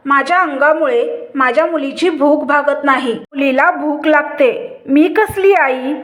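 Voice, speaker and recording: A woman's voice: sits high, measured pace. A woman voicing an exhausted, guilt-ridden young mother who pleads and doubts herself. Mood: despairing.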